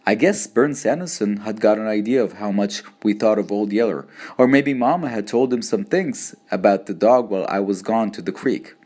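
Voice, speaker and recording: A man narrating an audiobook in a steady, measured storytelling manner. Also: lowish voice.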